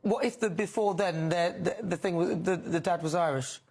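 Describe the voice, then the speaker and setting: A woman's voice: on the low side, moderate pace, a little mellow. A woman from Newcastle with a Geordie accent, presenting and pressing questions in a heated studio debate. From Newcastle, England. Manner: challenging, persistent questioning.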